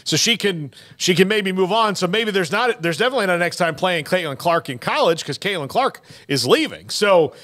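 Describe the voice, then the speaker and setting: A middle-aged man co-hosting a sports talk show in a studio, animated, with many fillers. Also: high voice, a little fast, few pauses. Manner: animated, uses lots of "like" and acted quotes. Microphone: studio mic with headphones.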